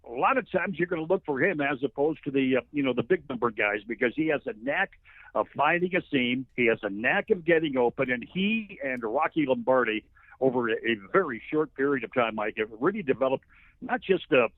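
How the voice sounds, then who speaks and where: An American play-by-play announcer with a mid-range voice talks football as an interview guest, telling stories in a folksy, chatty, expressive way at a brisk clip. The line sounds thin and phone-like, without echo.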